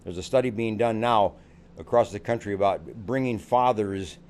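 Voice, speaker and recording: A man's voice: lowish voice, moderate pace, darkish tone. An older American man, a psychologist, giving earnest parenting advice and repeating phrases for emphasis. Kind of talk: advice talk to camera.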